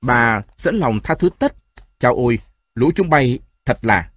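A man reads the part of a hoarse old grandfather, stern and quick to shout, his husky voice leaping up and down. The storybook figure scolds harshly and turns choked and tearful, close and dry. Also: mid-range voice, animated, no room sound. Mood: anguished. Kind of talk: audiobook reading.

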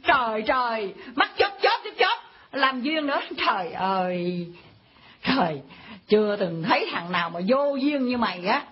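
An actress playing a cantankerous old grandmother who scolds and insults, with a husky voice. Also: fairly high pitch, sing-song, normal speed. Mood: scolding. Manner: scolding, insulting, mock-sweet. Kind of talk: comedy skit acting. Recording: dull lo-fi recording.

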